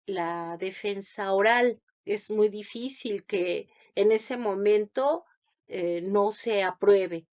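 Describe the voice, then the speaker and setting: A woman who has sat on thesis juries gives an unscripted lecture, halting often with fillers and restarts. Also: mid-range voice. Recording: dull lo-fi sound.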